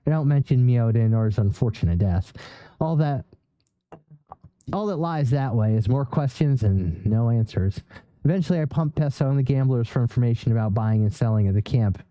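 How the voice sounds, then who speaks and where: A man's voice: medium pitch, expressive, moderate pace, mellow, clear, resonant tone, dry recording, lo-fi sound. A man narrating a solo role-play journal in first person, reading aloud with small stumbles and self-corrections.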